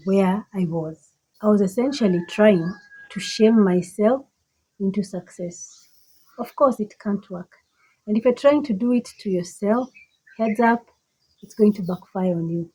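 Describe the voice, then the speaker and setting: This motivational monologue comes from a woman with a Kenyan accent whose slightly husky voice is medium-pitched and dark in tone. She is deliberate and emphatic, repeating lines for impact, over poor-quality audio.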